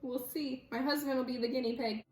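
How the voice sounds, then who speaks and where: A young woman hosts a homey cooking video, chatty and quick to giggle, with plenty of "like" in her speech. Her voice sits high and bright, and it rings around a hard-surfaced kitchen. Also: steady tone, faint music behind. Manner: chatty, laughs easily, says "like" often. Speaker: cooking channel host. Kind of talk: casual cooking vlog chat. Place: home kitchen. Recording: echoey kitchen.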